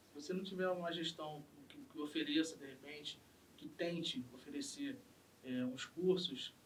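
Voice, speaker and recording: A Brazilian samba drum master from the Rio area talks in a casual podcast conversation, earnest and opinionated. His voice sits a little high and rises to emphatic peaks. He sounds set back from the mic, with faint hiss underneath. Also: darkish tone, distant mic, poor audio. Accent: Brazilian Portuguese, Rio de Janeiro state.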